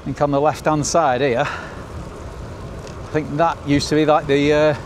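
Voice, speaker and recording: A man's voice: a little high, level tone, slow. Upbeat northern English man, noisy outdoor recording. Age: middle-aged. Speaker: cycling vlogger. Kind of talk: casual ride-along commentary to camera. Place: outdoors on a bicycle.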